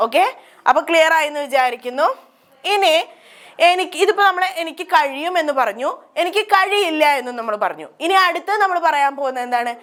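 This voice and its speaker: A woman's voice: high-pitched, animated, a little fast, a bit bright. A woman with a Malayali accent teaching English grammar, asking questions and answering them herself. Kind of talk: grammar lesson explained in Malayalam.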